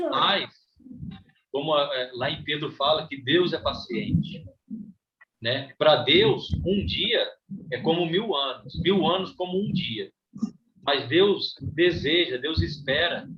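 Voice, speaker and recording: Man, Brazilian accent, Bible class teacher, reads scripture then explains, slightly high voice, dull faint-noise recording. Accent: Brazilian Portuguese.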